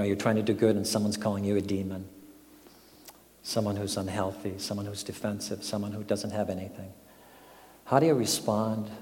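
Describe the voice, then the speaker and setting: In a large hall where his voice echoes, an older pastor preaches by telling stories and reflecting, often coming back to questions. His voice is mellow and low.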